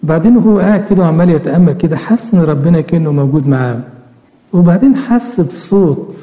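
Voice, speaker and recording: A man's voice: a little high, expressive, quick pace, mellow. A man with an Egyptian Arabic accent preaching a sermon, earnestly questioning his listeners directly. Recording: echoey hall with long reverb.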